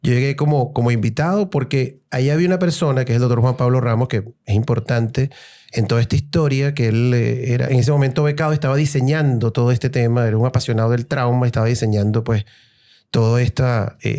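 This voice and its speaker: A Venezuelan man, a trauma surgeon guest, talking in a casual, halting way with many fillers and restarts. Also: mid-range voice, fairly even intonation, mellow. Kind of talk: casual interview chat.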